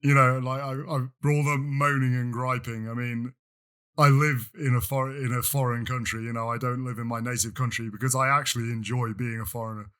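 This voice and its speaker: A man co-hosts a podcast in casual chat. He talks in a fairly flat tone, often stumbling and repeating words before he finishes a thought. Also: medium pitch, smooth. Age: adult student. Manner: halting, repeats words while talking. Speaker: podcast co-host.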